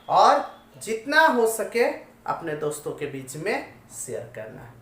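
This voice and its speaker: A woman's voice: mid-range voice, fairly bright tone. A woman teaching a maths lesson, asking her students questions and then answering them herself. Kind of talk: classroom-style maths lesson. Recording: echoey room, voice away from the mic.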